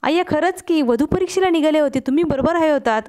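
A woman voicing a curious, lively young wife. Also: sits high, quick pace, voice pushed up, close to an everyday voice. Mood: surprised. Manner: lively, inquisitive.

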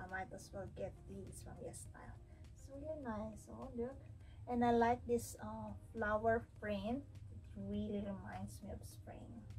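A medium-pitched woman's voice, captured far from the mic in a rough recording, belongs to a Filipino fashion vlogger in her thirties. Indoors in a home room with wooden drawers, she chats casually through a haul unboxing, thinking aloud with fillers and dropping Tagalog words into her Filipino-accented English.

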